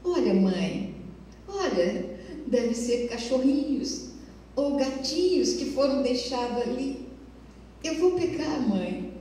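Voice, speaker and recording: A woman's voice: sits high, big pitch swings, slow pace, warm tone, a little hiss or hum, voice pushed up, full character voice. A woman voicing an earnest young man just out of a sanatorium, pleading and insistent with his mother, recorded with a far mic in an echoey hall.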